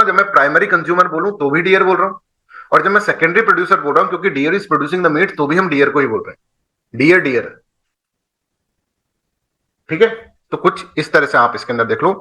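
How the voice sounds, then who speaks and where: A man's voice: high-pitched, sharp tone, rough recording. A man with an Indian accent giving a classroom lecture, explaining with playful back-and-forth dialogue and frequent checks that students follow. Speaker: teacher.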